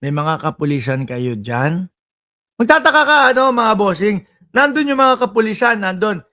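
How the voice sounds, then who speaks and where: Filipino guy ranting about politics, high voice, mocking, gets loud then quiet. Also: normal speed. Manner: animated, mocking, shifts loud and soft. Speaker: political commentary vlogger. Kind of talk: casual political commentary.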